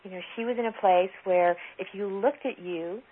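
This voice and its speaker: A woman's voice: mid-range voice, moderate pace, slightly rough. Affirming woman host on a phone line. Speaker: podcast host. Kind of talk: interview host reflection. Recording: tinny phone-line audio.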